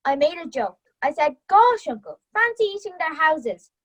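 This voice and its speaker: A woman voicing a cheeky, eager young male wolf cub, reading a storybook letter in a perky, expressive way. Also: sits high, normal speed.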